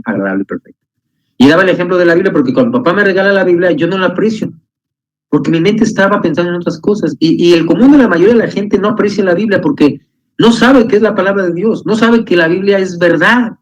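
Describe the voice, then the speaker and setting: A man delivers an animated sermon in a fairly high voice. He often stumbles and repeats words as he builds his point. The recording is dull and lo-fi. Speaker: preacher. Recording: muffled lo-fi recording.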